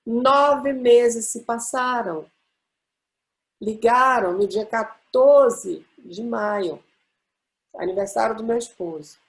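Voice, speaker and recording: A middle-aged woman from Brazil giving a personal testimony, telling her story in an animated way and acting out the quoted dialogue. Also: a little high, slow pace. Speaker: guest speaker.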